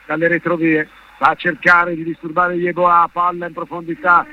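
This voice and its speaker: A man's voice: a little high, completely flat delivery, moderate pace, bright, forceful tone, highs cut off. A man giving live, partisan play-by-play football commentary on the radio from a stadium. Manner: partisan, speaks as one of the fans. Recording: band-limited radio broadcast with background noise.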